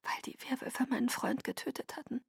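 A frightened, remorseful vampire woman speaks softly, almost in a whisper, stumbling over her words, as a woman reads her part. The sound is dry and close. This is an audiobook reading. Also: on the high side, normal speed, dry recording, natural voice. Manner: hushed and stammering.

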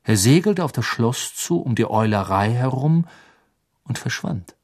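A man narrating an audiobook in calm, even storytelling. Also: mid-range voice, measured pace, breathy edge.

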